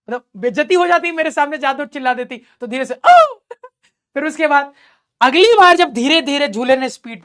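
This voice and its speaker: A male math teacher telling a story during a lesson, lively and teasing, laughing often. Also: extremely high pitch.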